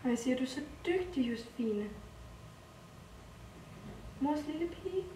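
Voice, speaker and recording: Brief: a woman as a frayed young mother, cooing then shrill, bright high voice from an echoing stage. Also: expressive, a little hiss or hum. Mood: hushed. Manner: swings between hushed cooing and shrill outbursts. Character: unhinged exhausted young mother with a crying baby. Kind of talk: stage drama monologue. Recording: echoey stage from far off.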